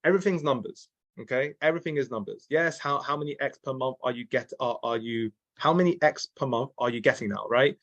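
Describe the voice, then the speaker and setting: A man's voice: mid-range voice, fairly quick, a bit bright, lo-fi sound. Man giving casual sales training. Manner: repetitive, restarts often, keeps asking "okay?" and "right?"; drops in mild swearing.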